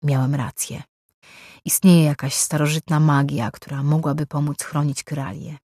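A woman voicing the quiet, determined inner thoughts of a young male mage. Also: on the high side, level tone, normal speed, slightly rough, no room sound, studio quality.

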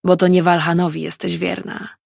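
A woman voicing a cold, ruthless male enforcer who snaps accusations, in a husky low voice. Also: flat delivery, normal speed, a little mellow, no room sound, studio quality, full character voice. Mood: harsh. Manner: snapping, accusing.

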